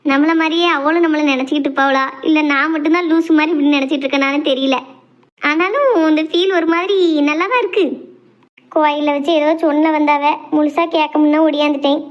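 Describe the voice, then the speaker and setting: A woman voicing a dreamy, giggly lovestruck young woman in an animated comedy. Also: sits high, a little fast, highs cut off, natural voice.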